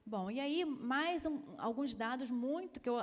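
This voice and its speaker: A Brazilian pediatrician giving a lecture, in a chatty way with many tag questions and quoted voices. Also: female voice, high voice, lively intonation, a little slow, long reverb tail. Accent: Brazilian Portuguese. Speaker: pediatrician giving a seminar talk. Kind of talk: lecture talk. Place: university lecture hall.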